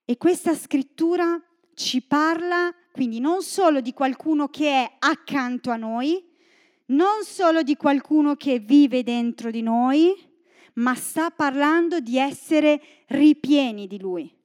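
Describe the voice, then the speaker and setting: A woman's voice: sits high, takes it slowly. A woman from northern Italy preaching a sermon in a church, reading scripture and joking with the congregation. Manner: lively, joking asides to the congregation.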